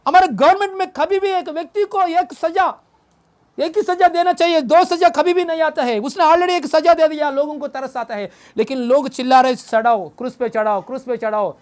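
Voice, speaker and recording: At a church service, a male pastor preaches a Good Friday sermon in a very high-pitched voice at a moderate pace. He questions the congregation and repeats phrases for emphasis.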